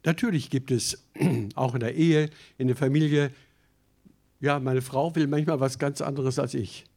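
A man's voice: mid-range voice, steady tone, a little slow, darkish tone. A man preaching a sermon, addressing his congregation directly and mixing emphatic declarations with conversational asides. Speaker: pastor.

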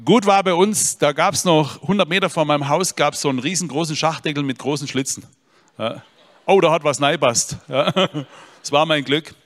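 A man's voice: fairly high pitch, moderate pace, fairly bright tone. A man giving a personal storytelling sermon, talking straight to his listeners with earnest, dry humor. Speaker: speaker giving an inspirational talk. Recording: long hall reverb.

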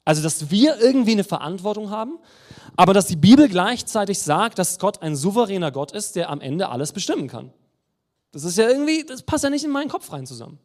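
A man's voice: sits high, big pitch swings, fast, darkish tone. A man teaching a congregation about theology in a sermon style, explaining with rhetorical questions.

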